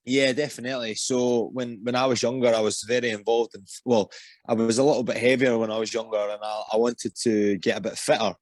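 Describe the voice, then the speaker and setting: A man's voice: medium pitch, flat delivery, fairly quick, no room sound. A young Scottish man, an MMA fighter, answering interview questions casually and hesitantly, with many ums and restarts. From Scotland.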